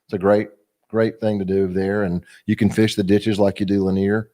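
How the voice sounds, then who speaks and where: A man, a guest talking calmly about fishing in a casual chat. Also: fairly low pitch, normal speed. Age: 50s.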